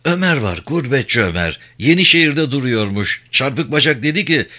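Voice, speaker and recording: A man voicing a proud, stubborn young village lad in a Turkish audiobook, in a higher, earnest, defiant voice. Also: animated, normal speed, bright, forceful tone.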